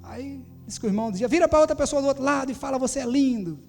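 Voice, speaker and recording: A man preaching a sermon, telling a story with animated shifts as he voices the people in it. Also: very high-pitched, very fast, in a large hall, soft background music. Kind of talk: Pentecostal-style sermon.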